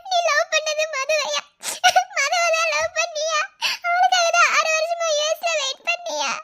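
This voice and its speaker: A woman's voice: very high-pitched, steady tone, unhurried, bright, forceful tone, heavily acted. A woman voicing Ananya, a heartbroken young woman in a cartoon love story who speaks while crying and laughing through tears. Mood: heartbroken, tearful.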